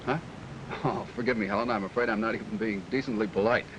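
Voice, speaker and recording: An actor playing an earnest, polite, lovesick young lawyer in a 1930s film. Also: male voice, fairly low pitch, fairly even intonation, quick pace, close to an everyday voice. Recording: hissy 1930s film sound.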